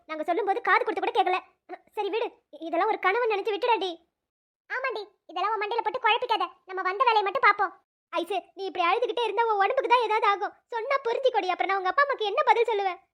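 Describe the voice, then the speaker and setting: An anxious young female student in a cartoon, put on by a woman pleads and apologises. Her voice is shrill and very high. She talks fast and gets flustered. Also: a bit bright. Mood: coaxing. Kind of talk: cartoon voice acting.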